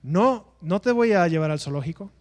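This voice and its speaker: A man's voice: sits high, expressive, moderate pace, darkish tone, long reverb tail. A man voicing a firm but patient father talking to his son in a sermon story.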